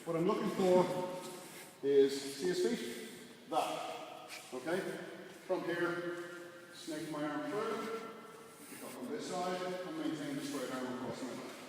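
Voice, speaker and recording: Male martial arts coach, casual explainer with clipped commands, recorded at a distance in a reverberant hall with clear background noise. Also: on the high side, animated, unhurried, pauses often, darkish tone. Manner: short, clipped instructions. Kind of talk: hands-on class demonstration with casual explanation. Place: large echoey indoor training hall. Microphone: distant camera microphone.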